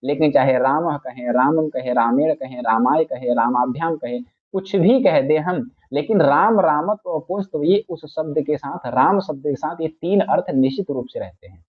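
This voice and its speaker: In a patient explanatory lecture on grammar, a man with a fairly high pitch and moderate pace repeats every point and recites classical phrases, all captured in tinny, phone-quality sound.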